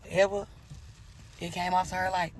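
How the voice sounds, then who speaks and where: A woman's voice: lowish voice, flat delivery, normal speed, a little hiss or hum. A woman telling a personal story in a blunt, profane way, acting out her own angry outbursts as she goes.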